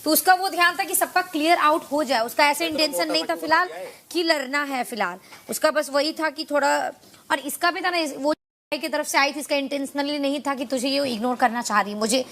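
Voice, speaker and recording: A woman stepping in as mediator, calmly explaining both sides of an argument. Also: sits high, fairly quick. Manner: soothing, explanatory. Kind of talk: calming mediator.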